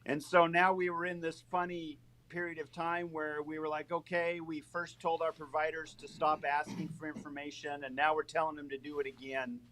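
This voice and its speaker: A man speaking over a phone line in a live panel discussion, loudly and close into the phone, explaining a process step by step as a military medical official. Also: a little high, level tone, normal speed, few pauses, a little hiss or hum. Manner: explanatory, gives a brief history lesson.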